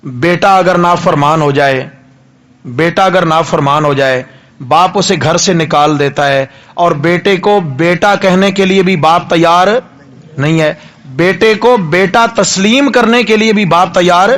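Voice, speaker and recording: High-voiced preacher delivering a sermon. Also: male voice, a bit bright. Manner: emphatic, repetitive, draws out recited verses slowly. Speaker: mufti preacher.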